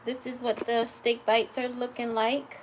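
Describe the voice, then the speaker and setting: A woman's voice: a little high, level tone, a little slow, background noise. A woman home cook on a live cooking stream, chatting casually with viewers and calling them honey and guys.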